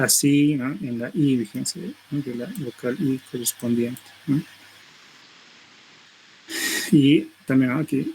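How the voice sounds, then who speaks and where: A middle-aged linguistics lecturer leads a university seminar, explaining things step by step and tagging phrases with a questioning "no?". His voice is a little high and a little mellow, and the recording is low quality.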